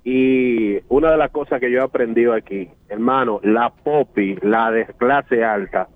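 A man's voice: medium pitch, measured pace, no echo. A man with a Dominican accent, an Uber driver telling a slangy, swaggering anecdote on a radio show. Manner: streetwise, slangy, swaggering storyteller. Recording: tinny, dry phone line.

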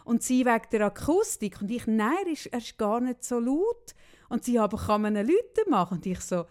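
A woman with a Swiss German accent chatting casually, telling everyday anecdotes with lively acted-out dialogue. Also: fairly high pitch, brisk. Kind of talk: casual chat.

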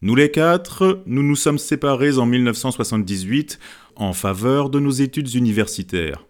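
A man voicing an emotional middle-aged man who raises slow, solemn toasts at a family banquet. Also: mid-range voice, darkish tone, lightly acted.

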